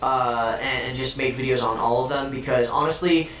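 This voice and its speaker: A man reviewing a video game in a casual, excitable and sarcastic way, swearing freely, his voice doubled into a robotic, phasey sound. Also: medium pitch, moderate pace. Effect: doubled, phasey robotic-sounding audio from an editing mistake. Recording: echoey, distant, doubled audio with faint music.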